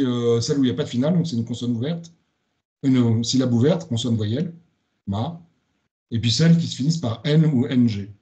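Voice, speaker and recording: A man's voice: mid-range voice, dark tone, muffled recording. A man giving a spoken lecture presentation, hesitant, with many fillers and restarts.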